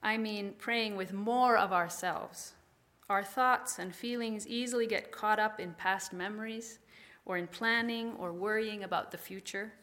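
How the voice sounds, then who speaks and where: A woman preaching a calm, measured sermon and guiding listeners through slow breathing exercises. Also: mid-range voice. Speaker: pastor.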